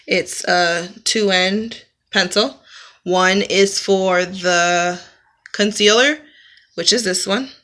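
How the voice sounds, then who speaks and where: A bright-voiced woman chatting through makeup tips. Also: fairly low pitch. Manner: chatty, explains step by step with frequent ums. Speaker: beauty vlogger. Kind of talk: casual makeup tutorial. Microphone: camera mic, close-ups to the lens.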